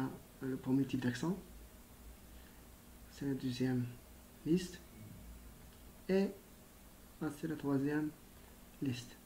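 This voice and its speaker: Slow, patient male teacher. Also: mid-range voice, warm tone, slight background noise. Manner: slow, patient, addresses pupils directly. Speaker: primary school teacher. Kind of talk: recorded spelling lesson.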